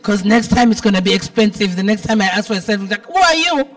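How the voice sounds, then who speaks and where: A woman with a South African accent and a big, heavy-timbred voice hosts a live event for a dinner audience at the venue, trading chatty, teasing, informal banter. She sounds expressive and quick in a mid-range voice. The recording picks her up from a distance.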